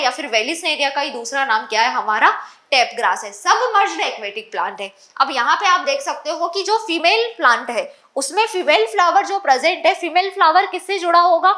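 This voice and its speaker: A woman's voice: sits high, bright, forceful tone. A young woman giving an exam-focused biology lecture, asking herself questions and repeating key points. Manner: keeps asking rhetorical questions and answers them herself. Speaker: biology teacher.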